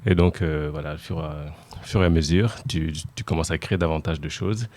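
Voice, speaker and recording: A man raised in France, a bar owner talking as a podcast guest in a casual, halting way with many repeated words. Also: rumbling low, a little mellow.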